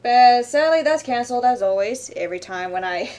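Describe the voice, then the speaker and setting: A woman streamer chatting casually while she draws, rambling with many fillers and quick laughs. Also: fairly high pitch, animated, darkish tone. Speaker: streamer drawing live. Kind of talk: casual chat while drawing. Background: faint background music.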